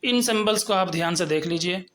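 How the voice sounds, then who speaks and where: A man teaching English pronunciation, explaining step by step and slowly sounding out example words. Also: high-pitched, fairly bright tone. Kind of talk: lecture on phonetics.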